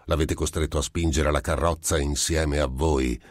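A man reading the part of a sly, composed gentleman who probes with smooth, falsely apologetic questions. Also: rumbling low, steady tone, normal speed, dry recording, studio quality.

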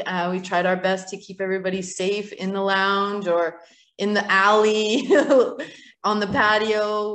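A woman's voice: medium pitch, fairly bright tone. A woman who owns a business gives a chatty thank-you speech for an award, with many fillers and restarts. She speaks from a distillery still room, and her voice echoes around it. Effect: room echo around the voice. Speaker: business owner accepting an award.

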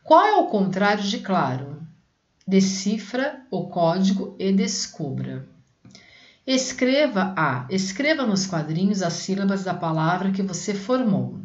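A woman teaching a reading lesson to young children, patient, repeating words slowly and breaking them into syllables. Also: mid-range voice, big pitch swings. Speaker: primary school teacher. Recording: echoey room, dull lo-fi sound.

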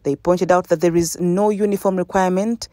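A woman with a Ugandan accent reading a scripted news report in a measured, formal way. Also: on the low side, fairly even intonation, mellow, no echo, studio quality. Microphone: studio voice-over.

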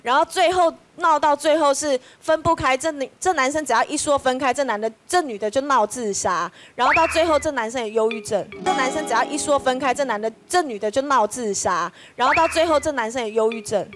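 A woman recounts a story on a studio talk show. She speaks quickly in a high voice and repeats herself as she lays out each step. Music is clearly audible behind her. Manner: repetitive, retells events step by step. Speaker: panel guest.

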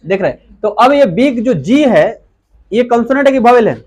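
High-voiced man teaching grammar. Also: animated, darkish tone. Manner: asks rhetorical questions and answers them himself; repeats key words slowly for emphasis. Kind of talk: classroom lecture.

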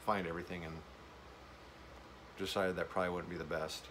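Deep-voiced man talking around a pipe. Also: fairly quick, background noise. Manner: rambling, relaxed, many fillers. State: pipe in mouth. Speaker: pipe smoking vlogger. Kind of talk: casual chat to camera.

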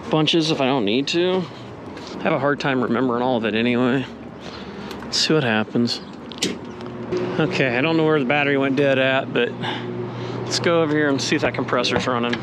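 A man working as an HVAC technician, talking aloud in a casual, blunt and wry way as he troubleshoots outdoors. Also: mid-range voice. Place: outdoors at a trailer's HVAC unit. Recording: loud outdoor machinery noise.

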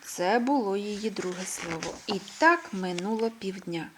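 A woman reading a children's story aloud in a gentle, expressive way. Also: medium pitch, normal speed, slight background noise.

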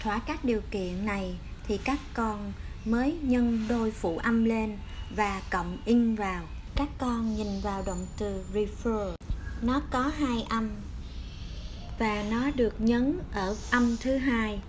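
A woman teacher with a Vietnamese accent speaks to her young pupils in a slightly high voice. She goes slowly and patiently, drawing out each example word. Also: slight background noise. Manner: calls herself teacher, addresses pupils as children, drawn-out example words. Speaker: English teacher. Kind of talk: slow, patient grammar lesson for children.

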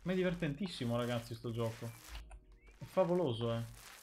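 A man's voice: medium pitch, lively intonation, a little fast, darkish tone, a little hiss or hum. Chatty male game streamer. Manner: chatty and joking, talks to viewers. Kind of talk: casual live gameplay commentary.

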